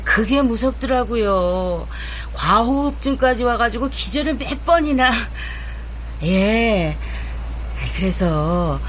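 An actress playing an anxious middle-aged mother and wife, soft and pleading, sighing often. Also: medium pitch, slight background noise. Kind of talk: TV drama acting.

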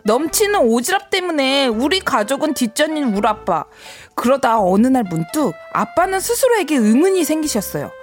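High, lively woman narrating wryly. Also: normal speed, soft background music. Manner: wry, playful. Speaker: narrator and daughter. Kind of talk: comedic sketch narration.

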